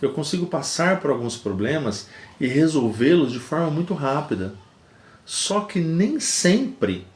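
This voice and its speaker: A man speaks at a middle pitch, talking a live audience through a lesson. He is calm and patient, repeats key words for weight and leans on simple everyday examples. The recording carries a noticeable roomy echo. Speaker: live stream host. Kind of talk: teaching talk to a live audience.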